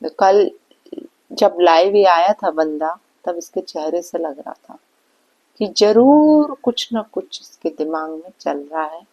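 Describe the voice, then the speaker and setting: A woman's voice: lowish voice, a little mellow, highs cut off. A woman vlogger giving a reaction commentary, scolding and indignant, firing off rhetorical questions. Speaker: vlogger reacting to online drama.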